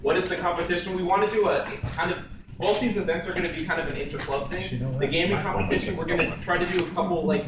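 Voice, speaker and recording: Man, club officer, hurried filler-heavy announcements; far mic in a very echoey room. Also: a little high. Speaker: club officer running the meeting. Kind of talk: meeting announcements. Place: meeting room.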